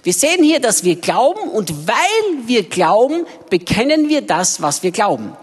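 A woman interpreting a sermon in the first person, with an emphatic, expressive storytelling manner. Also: on the high side, unhurried, breathy edge. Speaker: interpreter for a preacher. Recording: echoey hall reverb.

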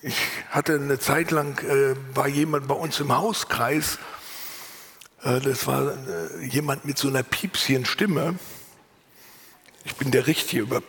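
A pastor preaching a sermon, earnest and lively, sometimes dropping to a whisper and then rising for emphasis, with a voice he himself calls unusual. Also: mid-range voice, a little slow, pauses often, big-room sound. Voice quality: husky. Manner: earnest, varied, drops to whispers and rises for emphasis. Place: church.

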